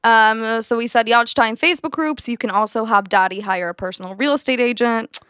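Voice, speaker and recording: A woman's voice: a little high, fairly quick, a bit bright, clean tone, no room sound, studio quality. A woman co-hosting a casual podcast, laughing often and agreeing easily. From United States. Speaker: podcast co-host.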